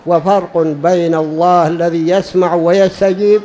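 Emphatic high-voiced male preacher. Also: flat delivery, normal speed, dark tone, slight background noise, rough recording. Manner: emphatic, repeats key phrases for stress; drawls words out when demonstrating pronunciation. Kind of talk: religious lesson.

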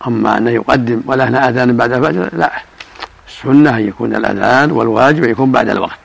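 Gravelly older man giving religious rulings. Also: mid-range voice. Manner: measured, explanatory, chants call-to-prayer examples. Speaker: religious scholar answering questions. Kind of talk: fatwa question-and-answer.

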